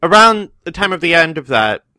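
A man's voice: a little high, big pitch swings, fairly quick, background noise. A man hosting a casual podcast, explaining facts with small restarts. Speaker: podcast host.

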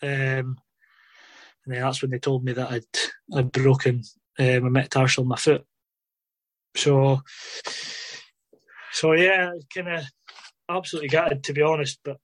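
A former footballer, appearing as an interview guest, rambles casually through stories from his playing days, leaning heavily on fillers like "obviously" and "you know." His voice is mid-range and the recording is dry.

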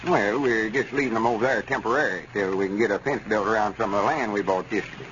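An actor playing a folksy, self-assured rural Southern storekeeper in a 1930s radio comedy, drawling and homespun. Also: male voice, on the low side, fast talker, fairly bright tone, close to an everyday voice. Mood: explaining, confident. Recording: dull vintage radio recording, faint noise.

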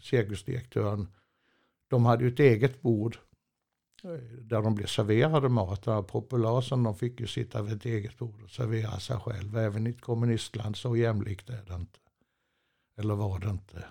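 A man's voice: on the low side, steady tone, creaky, mellow. An older man, a former truck driver, telling a long anecdote in a chatty, meandering way, with many fillers and restarts and frequent chuckles. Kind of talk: rambling anecdotal storytelling.

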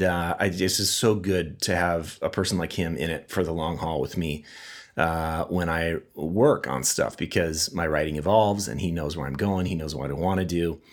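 A middle-aged man with a wheezy voice and a head cold, chatting casually as a podcast host and breaking off his own sentences as he tells stories. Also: deep voice. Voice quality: wheezy, congested voice. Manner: chatty, self-interrupting, storytelling. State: sick with a cold.

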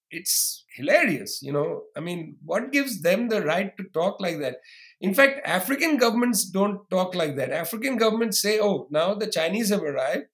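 A man, talking quickly and emphatically as a guest on a podcast interview, with sarcastic asides. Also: sits high. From India. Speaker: guest historian.

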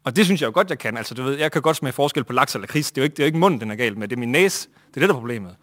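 A man telling a comic story to a live audience in an animated way, acting out the people in it. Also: mid-range voice, dry recording, studio quality.

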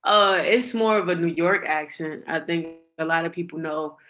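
A woman from Connecticut, a professional athlete, answering interview questions in an easygoing, unhurried way. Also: on the low side, a bit bright. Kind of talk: casual interview.

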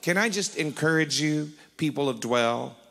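A man who talks fast, teaching the Bible in a relaxed back-and-forth and stressing scripture as he quotes it. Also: on the high side, vocal fry, big-room sound, noisy background. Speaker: preacher co-hosting a Bible teaching.

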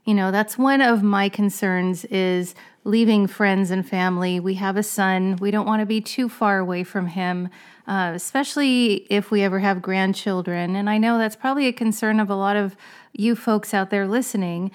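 A woman's voice: medium pitch, fairly even intonation, moderate pace, clear, resonant tone. A woman in her fifties with a mid-range voice co-hosts a podcast interview. She is chatty and upbeat and talks directly to the listeners. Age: 50s. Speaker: podcast co-host.

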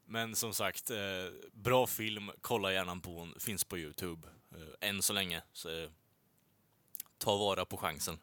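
A man's voice: deep voice, steady tone, bright, forceful tone, dry recording. A man chatting casually as a podcast co-host, rambling with many filler sounds and casual swearing. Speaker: podcast co-host reviewing films and music. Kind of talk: casual chat.

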